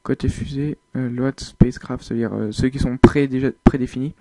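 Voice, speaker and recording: A man's voice: medium pitch, fairly even intonation, brisk, dark tone, no room sound. A man giving casual, hesitant gameplay commentary, thinking aloud with many fillers. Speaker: video game uploader.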